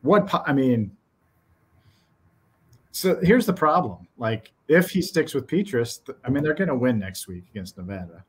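A middle-aged man talking sports on a podcast, his voice a little husky and rough. He speaks bluntly and with animation, full of fillers and restarts. He is heard through a headset on a video call from a small office. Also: medium pitch, big pitch swings, moderate pace. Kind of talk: casual postgame chat.

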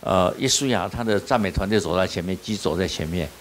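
Male pastor, lowish voice, preaches in questions he answers himself, faint tape hiss. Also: a little fast. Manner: call-and-response, asks the audience questions and answers them; repeats "你知道吗" often. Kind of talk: sermon at a small-group leader training.

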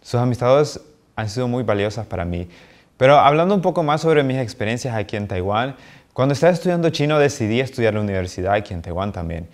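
A man's voice: medium pitch, fast talker. A young man from Honduras, an international university student giving an earnest, friendly testimonial to camera in a small office. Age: young adult. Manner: earnest, friendly, animated with hand gestures. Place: small bright office indoors.

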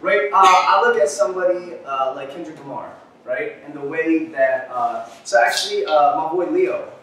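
This thirties-aged man delivers a laid-back talk in a gallery-style space with a screen, chatting his way through it with plenty of fillers and "right?" His slightly high voice moves at a moderate pace with a sharp edge, and a faint hiss or hum sits under the distant, echoey recording.

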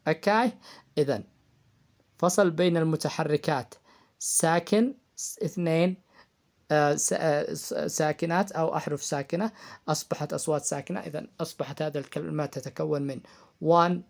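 A man teaching a high-school grammar lesson. He poses questions to the class, answers them himself and repeats key terms. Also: moderate pace, gravelly, long pauses. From Yemen. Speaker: English teacher.

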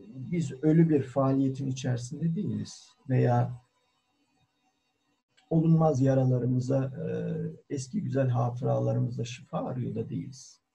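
A man who is a cultural historian giving a formal online talk, deliberate and full of hesitant fillers, heard over call audio. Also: mid-range voice, creaky, warm tone, breathy edge, low-quality recording. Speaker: guest lecturer, cultural historian. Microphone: video call.

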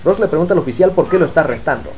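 A man reading a scripted news voice-over in a brisk, even delivery. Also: fairly high pitch. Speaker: news narrator. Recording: studio voice-over with faint music.

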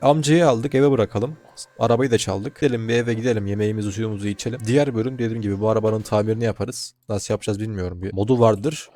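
A man's voice: mid-range voice, dark tone. A man giving casual let's-play commentary as a gaming channel host, chatty, talking straight to his viewers and swearing freely.

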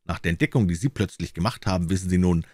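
A man voicing a cold, vengeful man who talks in a calm, controlled and threatening way. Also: low-pitched, fast talker, no room sound, studio quality. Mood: menacing.

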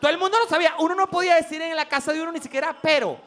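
A man with a Venezuelan accent doing a comic monologue as show host, animated and laughing, slipping into mock voices. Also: very high voice, racing. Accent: Venezuelan Spanish.

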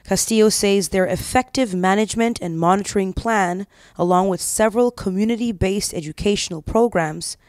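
Female reporter, mid pitch. Nature-documentary style feature narration, dry voice-over. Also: normal speed, few pauses, a little mellow, no echo. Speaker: TV news reporter. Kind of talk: scripted news feature narration. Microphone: close, dry voice-over mic.

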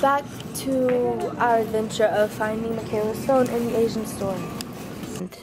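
A woman's voice: on the high side, fairly even intonation, moderate pace, very noisy. A young woman vlogging casually in a large supermarket on a handheld camera, chatty and easily grossed out. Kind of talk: casual vlog chat.

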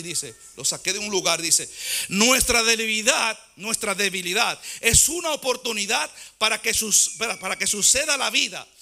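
A man delivers a passionate sermon, his voice pitched high and strikingly bright. He shifts between plain exhortation and a chanting, sung rhythm as he preaches. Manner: fervent preaching, chanting in a sung cadence at times. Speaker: pastor.

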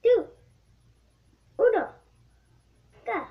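Kid girl vlogger, high bright voice, giggly, casual challenge chat. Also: animated, extremely slow, narrow, tinny audio. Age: child. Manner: giggly, counting down playfully.

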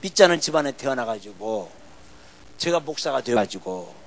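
A man's voice: mid-range voice, animated, moderate pace. An older man preaching a revival sermon, telling a story in a folksy way and acting out the people he quotes. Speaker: revival pastor. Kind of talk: sermon testimony with acted dialogue.

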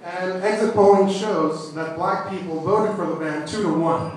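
A man's voice: high-pitched, a little slow. A young man from California doing amateur stand-up comedy at an open mic, nervous with stage fright and hesitant as he starts his bits. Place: small comedy club room with seated audience. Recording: echoey club room, distant phone recording.

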